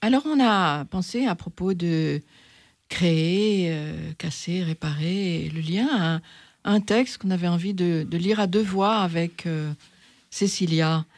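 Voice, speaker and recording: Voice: medium pitch, takes it slowly, no echo. A radio host introducing a reading and leading a discussion, hesitant with many restarts. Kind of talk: hosted radio talk.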